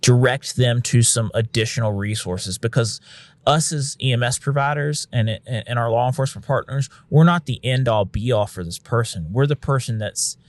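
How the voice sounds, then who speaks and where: A man's voice: mid-range voice, normal speed, no room sound. A man who works as a paramedic, explaining in casual podcast talk and acting out what he says to patients, frank and now and then swearing. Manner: frank, conversational, uses occasional swearing; acts out quotes of what he'd say to patients. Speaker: paramedic and instructor.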